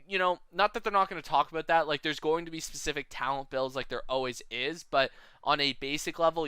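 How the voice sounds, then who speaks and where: A man gives casual, informal explainer commentary over game announcement images for a gaming video, often checking in with "right?" His mid-range voice is bright, forceful, clear and resonant, recorded dry.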